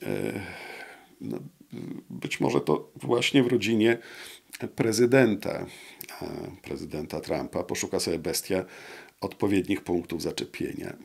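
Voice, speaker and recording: A man in his sixties, an interview guest, explaining history at a measured pace with many hesitant fillers, recorded on a lapel mic in a studio room. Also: sits low, lively intonation, vocal fry, darkish tone, husky. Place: wood-panelled studio room with brick wall.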